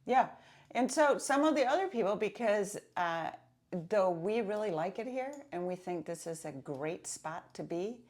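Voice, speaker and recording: A woman, co-hosting a podcast in unhurried casual chat full of filler pauses. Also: medium pitch, lively intonation, darkish tone. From Denmark. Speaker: podcast co-host.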